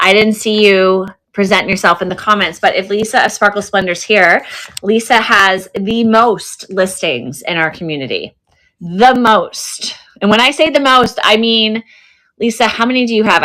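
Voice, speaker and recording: A woman hosts an online selling livestream, chatting casually and effusively and often repeating words for emphasis. Her mid-range voice is bright and forceful.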